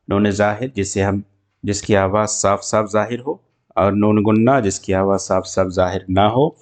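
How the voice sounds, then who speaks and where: Low-voiced man teaching grammar slowly. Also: darkish tone. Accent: Indian Urdu. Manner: slow, repetitive explaining with restarts. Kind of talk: grammar lesson.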